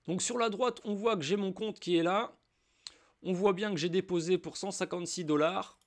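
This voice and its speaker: A man from France walking the viewer through a crypto tutorial in a casual, chatty way, with frequent fillers. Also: high-pitched. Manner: chatty, addresses viewer informally with many fillers. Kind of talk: casual screen-recorded tutorial.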